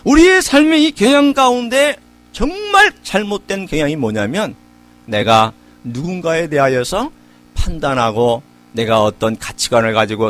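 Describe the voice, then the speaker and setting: A middle-aged man preaching a sermon as pastor, telling stories in a conversational way and asking rhetorical questions. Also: on the high side. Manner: conversational storytelling.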